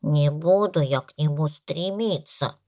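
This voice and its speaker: A woman voicing a stubborn, literal-minded little elephant who speaks slowly and matter-of-factly. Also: deep voice, exaggerated voice. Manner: slow, flat, matter-of-fact.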